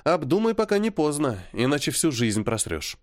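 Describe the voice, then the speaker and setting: A man's voice: a little high, sing-song, normal speed, dry recording, studio quality. Man doing a cool, stern older sister. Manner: cool, lecturing, sharp.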